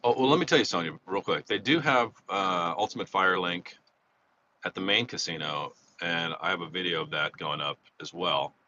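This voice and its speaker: A man's voice: sits low, normal speed, sharp tone. A man getting over a cold, chatting casually and rambling through a live stream outdoors near a freeway. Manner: rambling, chatty, restarts a lot. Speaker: slot vlogger doing a live monthly recap. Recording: slightly dull, faint freeway noise.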